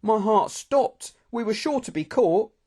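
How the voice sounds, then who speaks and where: A man reading a novel aloud in the first person, steady and expressive. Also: high voice, measured pace, breathy edge. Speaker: audiobook narrator.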